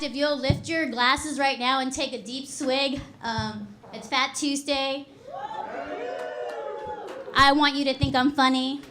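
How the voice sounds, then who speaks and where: A woman in her thirties works through a stand-up set with a dry, self-deprecating delivery. Her voice sits high for a woman. It rings out through an echoey live room. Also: bright, forceful tone, slight background noise. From Texas. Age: 30s. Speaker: stand-up comedian.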